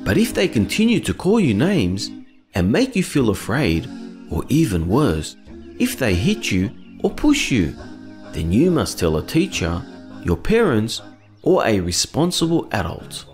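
Lively, kind cartoon mentor. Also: male voice, medium pitch, unhurried, faint music behind. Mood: earnest teaching. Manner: earnest, encouraging, instructive. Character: kind, wise male cartoon friend who guides children. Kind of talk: children's educational cartoon acting.

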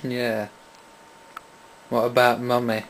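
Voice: mid-range voice, completely flat delivery, slow pace. An adult with a Yorkshire accent in a casual chat with a small child, asking simple questions and echoing the answers. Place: small bedroom indoors. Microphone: camera mic, speaker off camera.

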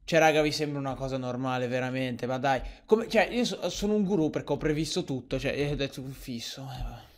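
A young man doing excitable Let's Play commentary over a game, swearing often and yelling when frustrated. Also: mid-range voice, fairly quick, hardly any pauses. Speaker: gaming YouTuber.

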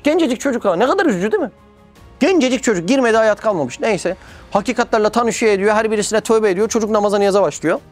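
A man giving a religious talk, telling stories with lively acted-out voices and repeated exclamations. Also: sits high. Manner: animated storytelling, acts out voices, repeats "Allah Allah". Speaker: preacher.

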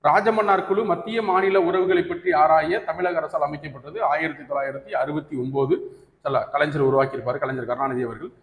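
A man with a Tamil accent teaches an exam coaching class, constantly asking students "right?" and mixing English terms into his speech. His voice is on the high side, with fairly even intonation and a fairly quick pace, recorded in an echoey hall.

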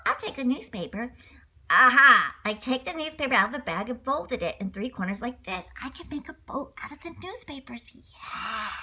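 An eager little storybook monkey, as a woman reader puts him on, gleeful and curious. The voice is high and bright, swooping widely between squeals and whoops. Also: breathy edge, exaggerated voice. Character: excitable, curious, good little boy monkey. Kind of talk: children's storybook read-along.

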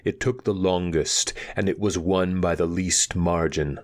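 A male storyteller reads a dark fantasy tale in steady, measured narration. His voice is very deep, and he takes his time over each line. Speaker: audiobook reader.

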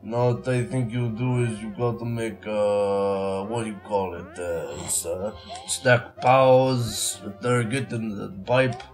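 A man's voice: fairly low pitch, steady tone, slow, faint music behind. A man with a congested voice, hosting and rambling through casual gameplay commentary as he coaches a player. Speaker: host.

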